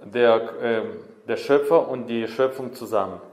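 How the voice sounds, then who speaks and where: Hesitant interpreter in an echoey church. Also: male voice, medium pitch, measured pace, darkish tone. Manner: hesitant, many fillers and self-corrections. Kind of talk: live sermon interpreting. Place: church hall.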